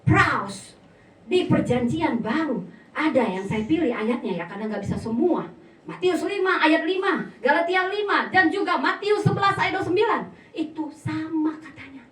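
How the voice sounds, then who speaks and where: A high-pitched woman pastor preaches with lively, playful humor, slipping into small comic voices. She sounds a little way off from the mic, and her voice rings through an echoey church hall over a faint room hum. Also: moderate pace, far from the mic. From North Sumatra, Indonesia. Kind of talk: sermon.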